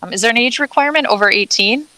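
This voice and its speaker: A woman's voice: a little high, very fast, bright, forceful tone, slight background noise, poor audio. A woman on a school board, thinking aloud in a casual meeting discussion with many fillers and restarts.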